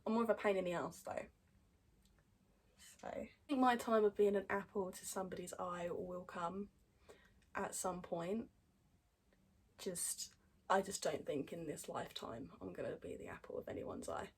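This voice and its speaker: A woman's voice: on the low side, moderate pace, gravelly, pauses often, slightly rough. A woman chatting casually as a podcast host, blunt and sweary with sarcastic asides. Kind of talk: casual chat reading out fan messages.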